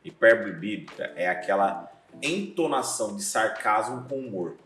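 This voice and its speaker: A man, a pastor and seminary professor, chatting on a podcast with a deep voice, telling stories and acting out scenes. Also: normal speed, reverberant, a little hiss or hum. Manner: lively storyteller, acts out scenes, laughs often. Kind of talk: casual podcast chat.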